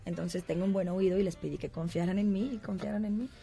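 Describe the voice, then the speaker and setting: A woman from Mexico City, an actress guest telling animated stories in a casual interview chat, with music faint behind her. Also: mid-range voice, vocal fry. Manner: animated, laughing, quick storytelling.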